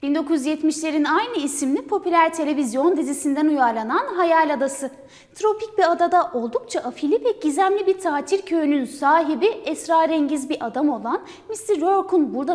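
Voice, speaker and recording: A young woman co-presenting film news for university television, reading her script formally. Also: high voice. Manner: formal read-aloud delivery. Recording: hall reverb.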